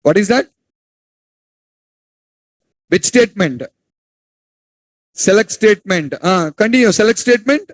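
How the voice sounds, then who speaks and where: Guy teaching a class, kinda high voice, dry sound, keeps asking questions and repeating stuff. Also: lively intonation, a little slow, long pauses, no echo, poor audio. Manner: repetitive, quizzes students, scolds them for whispering. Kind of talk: classroom lecture.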